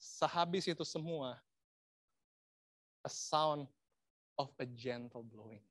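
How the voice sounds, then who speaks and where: A man preaching a sermon, dramatic and swinging from loud to hushed, asking the congregation rhetorical questions and mixing in English phrases. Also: medium pitch, slow, no room sound, clean studio sound.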